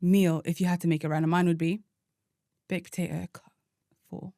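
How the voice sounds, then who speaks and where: Give me a fast-talking, fed-up woman chatting on a podcast, recorded dry. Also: on the low side, flat delivery, dark tone, no room sound. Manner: weary, laid-back, laughs often. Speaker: podcast co-host. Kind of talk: casual chat.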